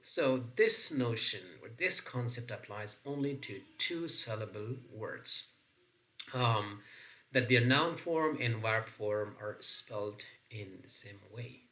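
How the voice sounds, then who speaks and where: A man with an Afghan accent gives a recorded English lesson in a bright, forceful voice at a middle pitch. He explains patiently and step by step, often pausing on fillers and restarting his sentences. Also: lively intonation. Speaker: English teacher.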